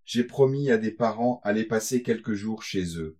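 A man reading a gothic tale aloud, voicing an anxious young woman who pleads gently with her lover. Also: on the low side, moderate pace, lightly acted. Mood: gentle.

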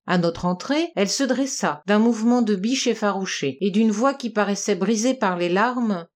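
A woman's voice: medium pitch, moderate pace. Woman reading a classic novel aloud. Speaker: narrator.

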